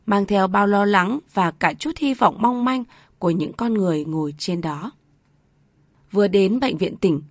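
A woman's voice: mid-range voice, no room sound. A woman narrates a family drama in an emotive, storytelling manner. The reading sounds dry and close to the mic. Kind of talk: read-aloud story narration.

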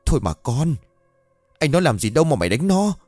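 A man's voice: lowish voice, moderate pace, darkish tone, no room sound, soft background music, lightly acted. A man doing a worried older village mother. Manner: anxious, pleading.

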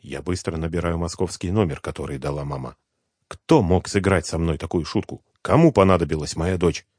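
A man's voice: low voice, a little fast, darkish tone, slightly rough, dry recording, studio quality. A man reading a first-person thriller audiobook in a tense, brooding storytelling manner. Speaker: audiobook reader.

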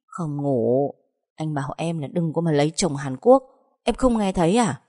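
A woman's voice: sits low, moderate pace, warm tone. Woman doing a drunk, clingy young man. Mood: insistent.

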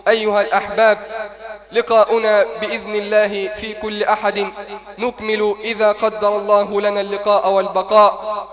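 A man preaching a sermon in a mosque, telling a moving story and rising to impassioned near-shouting. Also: high-pitched.

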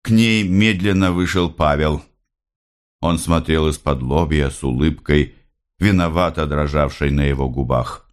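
Deep-voiced man reading a classic novel slowly. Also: clear, resonant tone. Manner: measured, expressive reading. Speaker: audiobook narrator. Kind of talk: scripted literary narration.

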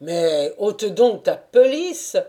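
A woman reading the part of an old, gruff Cossack chief who exclaims loudly and heartily, in an audiobook. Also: medium pitch, big pitch swings, extremely slow. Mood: urging.

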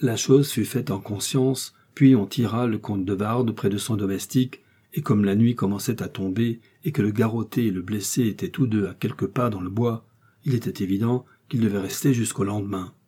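A man narrating a classic novel as an audiobook in a steady, even way. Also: lowish voice, normal speed, slightly rough. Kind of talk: scripted narration.

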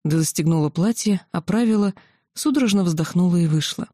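Женщина читает фэнтези-роман от первого лица: ровная, выразительная подача, мягкий тёплый тембр. Запись сухая, близко к микрофону, без эха. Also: female voice, lowish voice, brisk, mellow, dry recording, clean studio sound. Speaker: audiobook narrator. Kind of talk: first-person novel narration.

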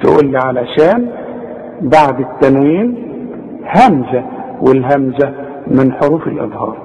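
A man with an Egyptian accent teaching Tajweed step by step, asking the listener questions and slowly chanting the example words. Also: mid-range voice, lively intonation, warm tone. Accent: Egyptian Arabic. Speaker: Quran recitation teacher. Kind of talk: Tajweed lesson. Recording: echoey, dull old cassette recording.

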